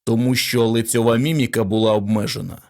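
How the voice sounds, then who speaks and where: A man's voice: mid-range voice, fairly quick, gravelly. Man narrating a short story. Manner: steady storytelling. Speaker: audiobook narrator. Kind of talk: scripted narration.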